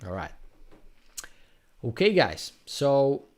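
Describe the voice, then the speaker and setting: A man from Slovakia with a Slovak accent, chatting casually on a live stream and answering viewers' questions in a rambling, unhurried way. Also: medium pitch, very animated, darkish tone. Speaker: graffiti artist live streamer.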